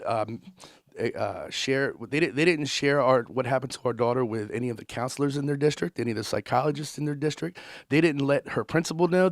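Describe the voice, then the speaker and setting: Middle-aged man, frustrated parent, halting restarts, close dry mic. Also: mid-range voice, vocal fry, no echo. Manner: earnest, frustrated, many restarts. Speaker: interviewed parent. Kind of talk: sit-down interview.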